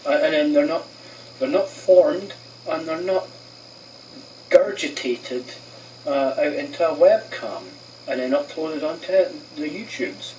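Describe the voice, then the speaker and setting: A man talks slowly and hesitantly, stopping to restart his sentences. He sits well back from the microphone. A faint hiss runs under the replayed clip. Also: fairly high pitch, a little mellow, distant mic, poor audio. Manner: slow, halting, hesitant. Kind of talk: video clip being responded to.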